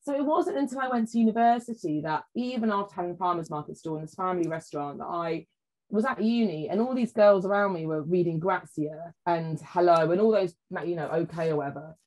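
A woman talks in a relaxed, chatty way, spinning family stories and acting out the voices of the people in them. Her voice sits a little low for a woman. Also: brisk, low-quality recording. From England. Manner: animated storyteller, acts out quoted voices, frequent "like" and "you know". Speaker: podcast guest, food writer. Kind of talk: casual chat.

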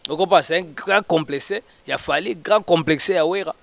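High-voiced animated man. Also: normal speed, creaky, no echo. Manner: animated, mixes Lingala and French. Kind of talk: animated casual chat.

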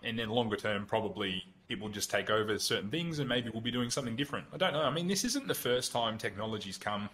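A man's voice: on the low side, expressive, quick pace, few pauses, fairly bright tone. A man who calls himself blunt, a guest on a podcast, chatting casually about marketing and acting out sample prompts in a conversational way. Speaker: guest, Google Ads consultant.

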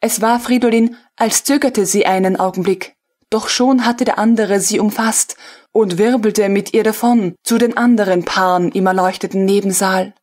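A woman narrating a literary audiobook in a measured, even storytelling manner. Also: medium pitch. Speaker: audiobook reader.

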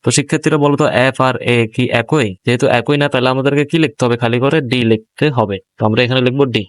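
A male teacher talks a class of young pupils through a textbook page, stopping to ask them questions. His voice is smooth and clear, at a middle pitch. The sound is close and dry. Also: fairly even intonation, rapid-fire, no room sound. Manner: explains each English word in Bengali, asks pupils questions. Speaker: primary school English teacher. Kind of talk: explaining a textbook lesson.

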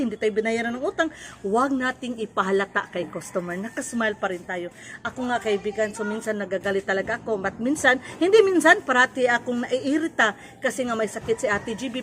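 A woman's voice: fairly high pitch, slight background noise. A woman from Cebu with a Cebuano accent, a store owner giving casual advice to her viewers, mixing in English and often adding "no?". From Cebu, Philippines. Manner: chatty, repeats "kaibigan" and "no?", mixes in English. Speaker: sari-sari store owner vlogger.

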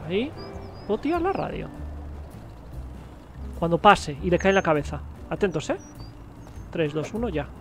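Man, high-pitched, excitable, swearing, live gameplay commentary. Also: normal speed, pauses often. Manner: excitable, jokey, swears freely. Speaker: streamer. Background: game music.

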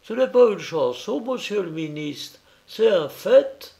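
A man reading an audiobook, voicing a sly, mocking police agent in a raised, gravelly voice. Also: high-pitched, animated, slow pace, warm tone, voice pushed up, heavily acted. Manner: ironic, taunting.

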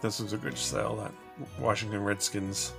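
Gravelly man chatting through a vlog. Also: lowish voice, level tone, moderate pace, over music. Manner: chatty, rambling, asks viewers for help. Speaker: storage unit reseller. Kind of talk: casual vlog walkthrough. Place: cluttered home storage room.

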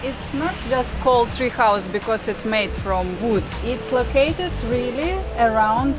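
Young woman, bright higher voice, slow unhurried delivery, laughs a lot, casual vlog tour, music underneath. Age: young adult. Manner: cheerful, laughs often, non-native phrasing. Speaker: vlogger giving a house tour. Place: small wooden treehouse and outdoor garden. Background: background music.

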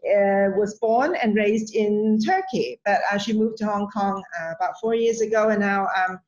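A woman's voice: mid-range voice, normal speed, a little mellow, highs cut off. A woman hosting an online workshop by video call, friendly and hesitant, with many fillers and easy laughter. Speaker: workshop host. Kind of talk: bilingual online introduction. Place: indoor office.

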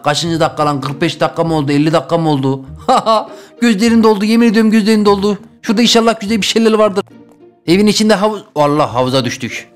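Excitable high-voiced man playing a game. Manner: excitable, swings from loud high yelps to low muttering. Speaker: gaming YouTuber. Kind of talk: Let's Play commentary.

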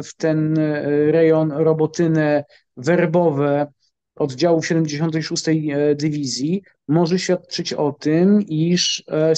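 Fielding interview questions, a middle-aged military analyst from Poland speaks carefully and haltingly, with frequent filler pauses. The voice runs fairly high with a darkish tone.

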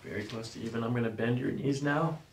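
Speaking quickly in a medium-pitched voice, a man in his thirties works as a chiropractor, narrating exam findings to a patient in a small office. His manner is reassuring and matter-of-fact, and there's a slight hiss or hum in the recording.

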